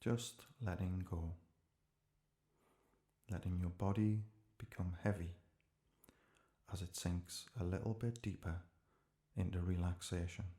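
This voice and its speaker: Calm and measured, a man with a low voice leads a guided relaxation, pausing gently after each brief phrase.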